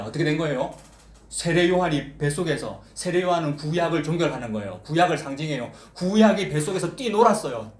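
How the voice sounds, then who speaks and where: A man's voice: a little high, roomy sound. A man preaching a sermon as pastor, asking the congregation questions and acting out quoted voices. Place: church sanctuary.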